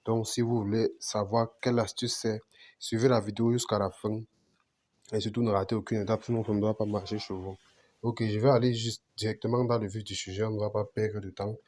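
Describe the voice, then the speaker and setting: A man's voice: lowish voice, little pitch movement, fairly quick, darkish tone. A man hosting a betting channel, talking through a screen-recorded tutorial and often repeating and restarting his phrases. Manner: repetitive, restarts phrases, asks "vous comprenez"; apologizes for his accent.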